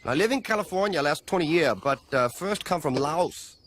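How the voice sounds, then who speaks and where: A curt cartoon neighbor with a Laotian accent. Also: male voice, a little high, expressive, moderate pace, fairly bright tone, a little hiss or hum. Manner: clipped, broken grammar.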